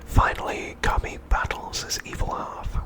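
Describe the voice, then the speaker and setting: A deliberate, hushed episode recap comes from a man working as an ASMR host, his whisper breathy and entirely unvoiced.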